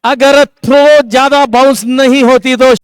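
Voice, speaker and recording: Very high-pitched male cricket commentator. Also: flat delivery, unhurried, clean tone, dry recording. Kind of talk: live ball-by-ball sports commentary.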